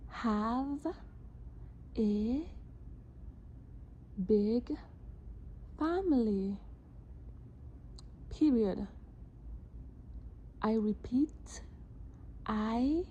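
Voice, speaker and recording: A woman dictating an English lesson word by word with long pauses, speaking the punctuation aloud. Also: fairly high pitch, mellow, lo-fi sound, a little hiss or hum. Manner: dictating slowly, isolated words with pauses, punctuation spoken.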